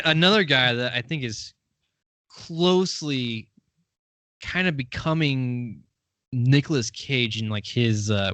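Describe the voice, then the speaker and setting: A man's voice: medium pitch, fairly bright tone, dry recording. A man co-hosting a movie podcast in loose, rambling casual chat, full of fillers. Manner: rambling, lots of fillers and laughs. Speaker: podcast co-host.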